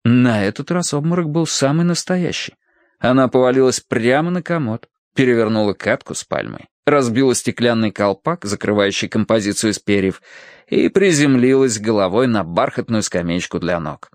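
A man reading a novel aloud as audiobook narrator, with expressive storytelling. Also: mid-range voice, moderate pace, no room sound, studio quality. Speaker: audiobook reader. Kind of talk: scripted narration.

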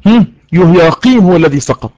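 A man with an Egyptian accent teaching an interactive online lesson, reading verses slowly and quizzing his students often. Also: high voice, lively intonation, mellow, no room sound, muffled recording. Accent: Egyptian Arabic. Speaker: religious course teacher.

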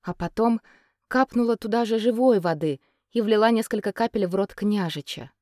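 A woman narrates a fairy-tale story in an expressive, measured way, with a medium pitch. The recording is dry and close, with no room sound. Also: no room sound. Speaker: audiobook narrator. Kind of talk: scripted narration.

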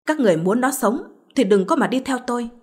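A woman's voice: fairly high pitch, animated, quick pace, husky. Diệp, woman reading a vicious spoiled young woman. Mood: furious. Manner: shifts between pleading and snarling threats.

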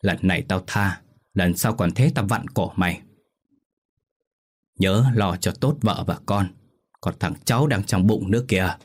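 A man's voice: low-pitched, unhurried, long pauses, slightly rough. A man voicing a stern old male ghost father who scolds and threatens his son. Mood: stern scolding.

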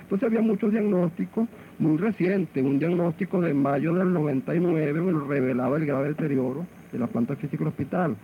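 A man with a Venezuelan accent, a hospital director interviewed on AM radio, halting and repeating words as he searches for them. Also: on the high side. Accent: Venezuelan Spanish. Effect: AM radio broadcast sound. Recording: muffled AM radio with faint hiss.

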